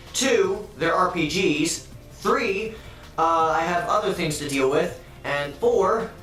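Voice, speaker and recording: Man with doubled, robotic-sounding audio. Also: a little high. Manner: excitable and sarcastic, swears freely. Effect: doubled, phasey robotic-sounding audio from an editing mistake. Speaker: video game vlogger. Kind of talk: casual game review talk. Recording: echoey, distant, doubled audio with faint music.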